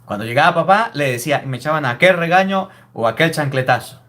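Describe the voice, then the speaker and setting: High-voiced priest preaching. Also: male voice, expressive, quick pace, sharp tone. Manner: emphatic, scolding preaching with rhetorical questions. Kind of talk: sermon.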